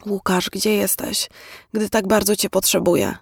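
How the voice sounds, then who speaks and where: A man's voice: high-pitched, fairly even intonation, measured pace, dry recording, studio quality, pitched above the performer's own voice. A man reading an audiobook, voicing a weary, bitter young woman with intense, emotionally charged delivery. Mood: tearful longing.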